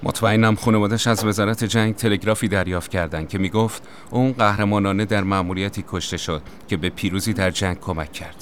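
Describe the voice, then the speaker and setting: A man's voice: lowish voice, fairly even intonation, few pauses, a little hiss or hum. Grave male war narrator. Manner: grave, reflective. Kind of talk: somber scripted narration.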